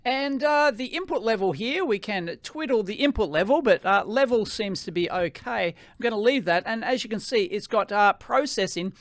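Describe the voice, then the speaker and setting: High-voiced Australian man with rising intonation. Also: moderate pace, few pauses, no room sound. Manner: high rising terminal, excitable. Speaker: tech reviewer hosting a gear demo. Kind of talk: casual off-the-cuff product demo. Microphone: close podcast microphone.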